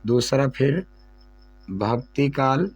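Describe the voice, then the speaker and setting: A man's voice: mid-range voice, expressive, slow pace. A male teacher going over an exam syllabus, repeating key points and asking questions he then answers himself. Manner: repetitive, asks and answers own questions.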